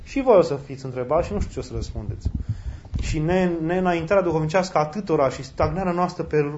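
A man preaching a sermon as a priest, speaking animatedly and leaping up in pitch when he voices other people. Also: darkish tone. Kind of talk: sermon answering questions. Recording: dull lo-fi with faint noise and clicks.

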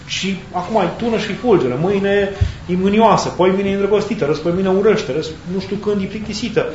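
A man preaches in a fairly high voice, calm and reflective, often pausing to find the right word. The sound is roomy and a little dull, with a faint hiss behind him. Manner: thoughtful, searching for words with pauses and restarts. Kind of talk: sermon.

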